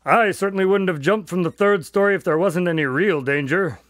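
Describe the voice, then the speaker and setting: A man's voice: sits high, fairly quick, a bit bright, dry recording, studio quality. A man playing a long-suffering doctor, a detective's loyal sidekick in a radio drama, grudging and dryly humorous. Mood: dry, curious. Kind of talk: scripted radio drama acting and narration.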